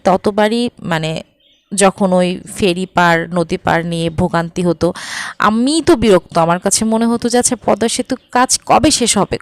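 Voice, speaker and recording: A woman's voice: fairly low pitch, dry recording. Chatty young woman vlogger, dry sound. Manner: chatty, many fillers, coaxing viewers. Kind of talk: casual travel vlog narration.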